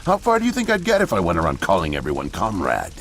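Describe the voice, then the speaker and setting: An actor playing a middle-aged male janitor who calmly confesses he is a spy, in adventure game voice acting. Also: deep voice, slight background noise, heavily acted. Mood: grave. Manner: calm, measured confession. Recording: game audio under music.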